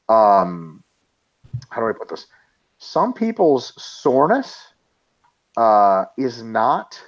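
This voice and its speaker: A man's voice: medium pitch, dull audio. A man co-hosting a casual webinar Q&A, reading out listener questions and answering them bluntly with plenty of swearing. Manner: blunt, emphatic, swears freely.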